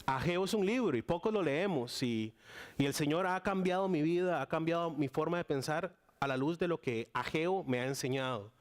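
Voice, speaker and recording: A man's voice: a little high, normal speed. A young Costa Rican man with a Costa Rican accent, preaching a casual guest sermon with lots of fillers and restarts. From Costa Rica. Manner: chatty and warm with frequent fillers and restarts.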